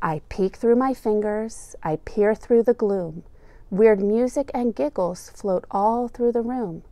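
In a mid-range voice, a middle-aged woman teacher reads aloud from a children's picture book with a deliberate, expressive storytelling delivery.

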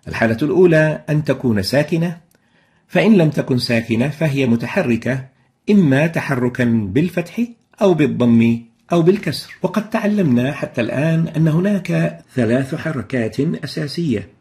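A man with a low, mellow timbre and a gravelly edge teaches a lesson. He explains patiently and methodically, step by step, stopping to sound out examples. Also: expressive, fairly quick. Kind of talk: explanatory lesson on Arabic script and recitation.

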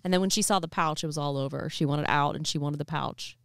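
Here the fire-pit podcast co-host talks fast in a low, clean voice with no room sound, holding her mic and casually meandering through a filler-heavy story as a young woman chatting outdoors.

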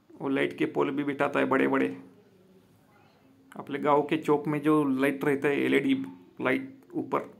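This man has a mid-range, creaky voice. He's a solar installer and business owner from Maharashtra, India, narrating a rooftop job outdoors on a handheld phone, speaking plainly, repeating himself and treating viewers as friends.

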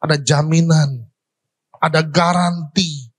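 Holding a microphone on a church stage, a middle-aged man preaches with a steady tone, posing questions to the congregation and moving from emphatic, high-pitched lines to slower, deeper ones. The audio is slightly rough.

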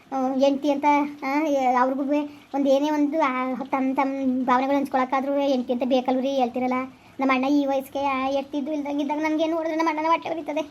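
A woman's voice: high voice, darkish tone, close to an everyday voice. A woman playing an earnest young wife who pleads with her husband in an amateur village family drama.

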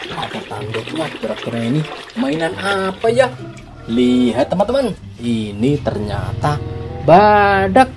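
Animated, playful woman hosting for kids. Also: sits low, measured pace, vocal fry, music in the background. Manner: exclamatory, playful, like a kids' party magician presenting surprises. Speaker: children's toy video host. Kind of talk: scripted-sounding kids' toy reveal narration with magic-word exclamations.

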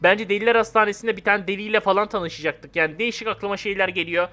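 A young man giving excitable, chatty let's-play commentary on a horror game and talking straight to his viewers. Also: high voice, fast talker. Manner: excitable, chatty, talks to viewers as "abi" and "arkadaşlar". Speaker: gaming YouTuber.

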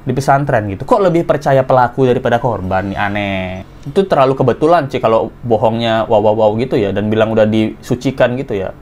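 A man hosts an online commentary at a middle pitch. He talks in an animated, exclaiming way, often jumping up in pitch as he reacts. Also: fast, hardly any pauses. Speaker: commentary host. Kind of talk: casual online commentary, reading messages aloud.

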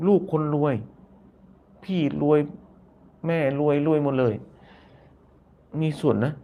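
A man's voice: fairly high pitch, fairly even intonation, slow pace, muffled recording. A man hosting a casual live-stream commentary, reading viewer comments aloud, often repeating phrases and tagging lines with polite particles. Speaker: YouTube channel host.

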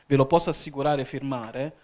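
A man's voice: medium pitch, fairly even intonation, fairly quick, darkish tone. A man from Italy preaching a sermon as an evangelist in a church, often calling "Amen?" to the congregation. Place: church hall.

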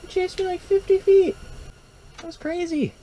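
A young man's very high voice comes across warm and steady, unhurried in pace, with a little hiss or hum behind it. Joking playfully, he chats vlog-style while ice fishing on an open frozen lake and later inside a tent. An action camera at arm's length or set nearby records him.

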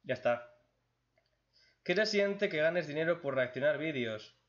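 In a casual chat, a blunt, joking man reads out viewer questions and answers them with crude humor. His voice is a little high for a man, and he's animated but unhurried. The recording is dull and lo-fi, with a little hiss or hum.

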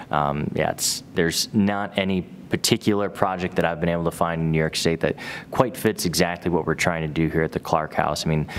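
A young man speaking hesitantly at a public town committee meeting, with many pauses and fillers, recorded on a desk microphone in a town hall auditorium. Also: extremely low pitch, slight background noise.

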